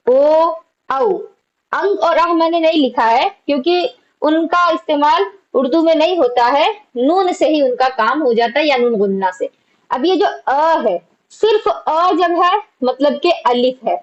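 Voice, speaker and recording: A woman's voice: high-pitched, muffled recording. A woman teaching an online Urdu lesson, patiently explaining letters and quizzing her students.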